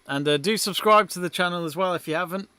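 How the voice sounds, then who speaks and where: A man's voice: high voice, fast talker, pushed and bright, clear, resonant tone, no echo. A young man hosting a live football watch-along stream, chatting casually, reading out viewer messages and calling the play as it happens.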